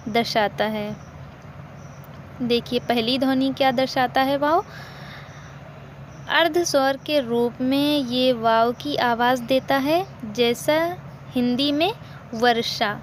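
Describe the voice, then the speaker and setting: A woman teaching a recorded language lesson, explaining slowly, repeating examples and asking questions she answers herself. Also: a little high, slight background noise.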